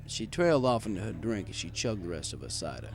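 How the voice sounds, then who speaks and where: A fast-talking man with a fairly low, very animated voice reads a first-person fan fiction story aloud, keeping it wry and conversational.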